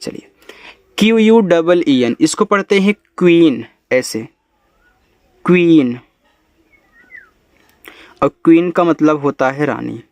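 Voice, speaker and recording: Guy teaching english spelling, a bit high voice, dry close sound. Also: a little mellow, no room sound. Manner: spells out letters slowly, then explains in Hindi. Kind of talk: spelling lesson.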